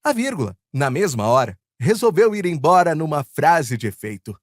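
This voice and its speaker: Expressive man reciting a poem. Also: on the high side, moderate pace, dry recording, studio quality. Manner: lilting, expressive reading. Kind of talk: poetry recitation.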